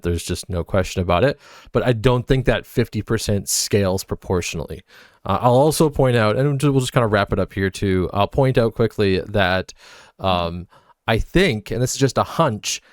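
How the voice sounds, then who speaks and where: A man's voice: on the low side, no room sound, clean studio sound. A man hosting a casual group chat about a game, rambling and correcting himself as he talks. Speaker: host.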